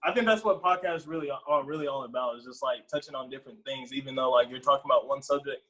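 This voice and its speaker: Rambling relaxed young man guest. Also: mid-range voice, quick pace, rough recording. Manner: relaxed, rambling, lots of filler. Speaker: podcast guest. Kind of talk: casual chat.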